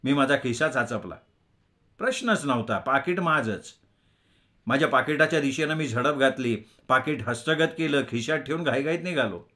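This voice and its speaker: Bright expressive male storyteller. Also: mid-range voice, moderate pace. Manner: expressive, humorous, conversational asides. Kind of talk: Marathi story narration, kathakathan.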